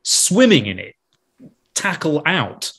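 A man, a wine expert, telling a lively anecdote on a podcast, acting out other people's lines and laughing as he goes. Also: fairly high pitch, slow, vocal fry, husky. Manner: animated storyteller, acts out quotes, laughs mid-sentence.

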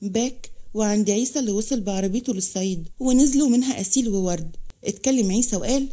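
A woman with an Egyptian accent narrating a romantic story in a brisk, even manner. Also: medium pitch.

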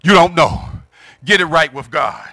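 With a slightly high voice and measured pace, a middle-aged American pastor preaches passionately at the pulpit of a church sanctuary, speaking into a gooseneck microphone. He exhorts emphatically, often rising to a shout. There's no room sound in the recording.

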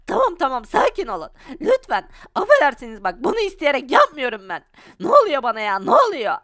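A woman's voice: high voice, huge pitch swings, fairly quick, a bit bright, no room sound, studio quality, exaggerated voice. A woman voicing a confused, moody poor father in a Minecraft parody, fretting aloud to himself. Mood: fretful. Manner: fretful, talking to himself.

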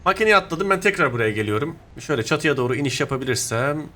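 A young man narrating his own mobile shooter match in casual commentary, muttering to himself and then breaking into sudden excited shouts. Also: a little high, very fast. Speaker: gaming YouTuber. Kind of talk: live gameplay commentary.

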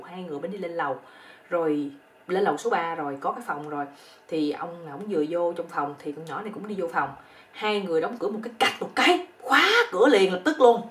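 A woman with a Southern Vietnamese accent telling a comic story in a rapid, chatty, colloquial way. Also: fairly low pitch, far from the mic.

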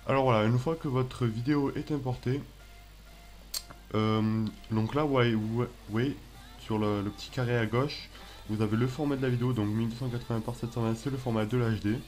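A young man with a French accent hosting a casual software tutorial, hesitant and self-mocking, with many fillers and restarts. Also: mid-range voice, fairly even intonation, normal speed. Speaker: tutorial host. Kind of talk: casual screen-recorded tutorial.

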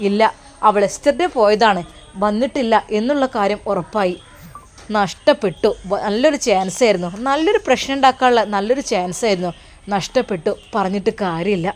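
A woman with a Malappuram Malayalam accent narrating an emotional family story expressively. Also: fairly high pitch.

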